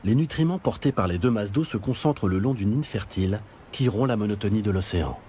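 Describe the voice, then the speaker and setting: A man's voice: on the low side, brisk, noisy background. A man reading scripted narration for a nature documentary.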